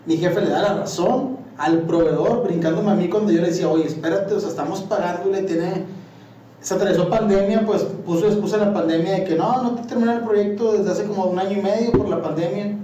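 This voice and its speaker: Young Mexican guy, high voice, mellow tone, slangy rambling chat, echoey room, mic at a distance. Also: brisk, slight background noise. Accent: Mexican Spanish. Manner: slangy, rambling storytelling with many fillers. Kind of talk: casual chat.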